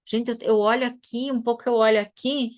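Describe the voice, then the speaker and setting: A woman's voice: on the high side, steady tone, brisk. A woman psychoanalyst from Brazil giving a live online talk to a webcam, telling a personal story and speaking directly to her viewers. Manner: storytelling, addresses audience directly.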